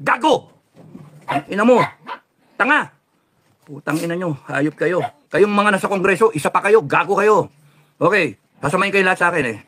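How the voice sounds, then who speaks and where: A political vlogger rants angrily in heated Tagalog, cursing often and switching into English. His voice sits high, with a bright, forceful, animated tone at a moderate pace, broken by long pauses.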